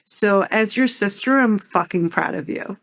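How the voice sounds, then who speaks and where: A woman's voice: mid-range voice, animated, a little slow, vocal fry, dry recording, clean studio sound. A woman from Iran, a podcast guest speaking openly and emphatically about her life. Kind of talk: candid podcast conversation.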